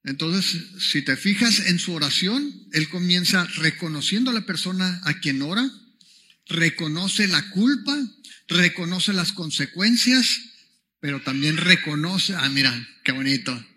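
A pastor delivers a sermon in a casual, conversational way, often turning to the congregation with questions. His voice sits high for a man and sounds bright and forceful. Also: animated, unhurried. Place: church.

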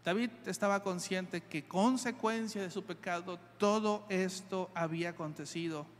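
A man's voice: high voice, normal speed. A man preaching a sermon, reading scripture aloud and explaining it with earnest repetition. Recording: long hall reverb.

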